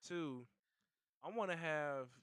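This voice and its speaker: A man's voice: on the high side, takes it slowly, fairly bright tone, clean tone, no room sound. Laid-back young man, dry close mic. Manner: laid-back, profane banter with frequent laughs. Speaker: podcast host. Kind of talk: casual chat.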